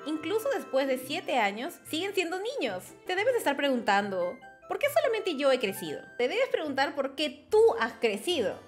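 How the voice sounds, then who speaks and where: A woman voicing a cheerful little talking tree sprout, reading its lines in a bright, chatty way over game music. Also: high-pitched.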